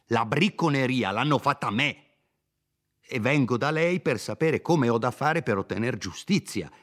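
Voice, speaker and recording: An honest young village man, as a male reader acts him out pleads earnestly and hurries his words, pitched higher than the narration. He comes from a storybook reading of a classic novel. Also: natural voice.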